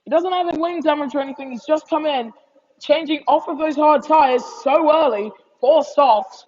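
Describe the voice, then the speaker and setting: A woman's voice: high voice, normal speed, darkish tone, no room sound. A woman giving live race commentary as a motorsport commentator, with a voice that rises as she calls the action. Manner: motorsport commentator calling action, voice rising on incidents. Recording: dull lo-fi microphone.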